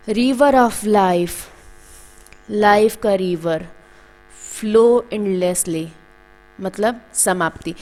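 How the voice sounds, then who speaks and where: A woman's voice: medium pitch, darkish tone. A woman teaches a school grammar lesson. She explains each point step by step, poses questions and answers them herself, and addresses her students fondly. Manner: calls students "beta".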